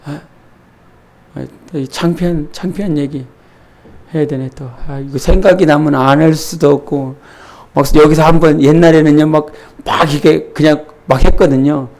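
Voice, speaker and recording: Gravelly middle-aged man preaching a sermon. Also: on the high side, steady tone, moderate pace, a little mellow. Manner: candid, self-deprecating storytelling with many restarts. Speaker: pastor. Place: church.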